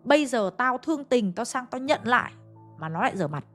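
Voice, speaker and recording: A woman's voice: fairly high pitch, animated, a little fast, a bit bright, soft background music. A woman voicing a scheming, lying older village man who spreads slander smugly. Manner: smug, slanderous.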